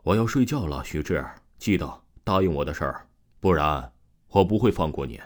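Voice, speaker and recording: A man's voice: sits low, lively intonation, normal speed. Man voicing a dazed, pleading village ghost. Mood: cold. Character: confused lonely male ghost of drowned young villager.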